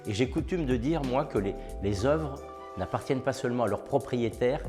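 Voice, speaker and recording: A man speaking as a town official in charge of culture, explaining an exhibition at a measured pace with frequent hesitations and restarts. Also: medium pitch, animated. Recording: long reverb with faint music behind.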